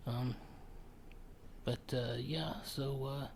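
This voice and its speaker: A man's voice: medium pitch, fairly even intonation, extremely slow, slight background noise. Hesitant male podcast host. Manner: hesitant, full of ums and restarts. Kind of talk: casual podcast chat.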